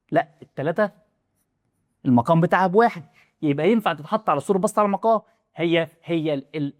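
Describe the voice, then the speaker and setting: A young male math teacher with an Egyptian Arabic accent explains a lesson in a casual, chatty, rapid way, often checking that the student follows and posing rhetorical questions. His voice is high-pitched, and the recording is dry and studio quality.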